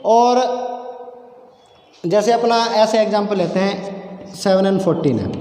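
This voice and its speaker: A male physics teacher with a high, darkish voice lectures a class, asking questions and answering them himself. The classroom is echoey with long reverb.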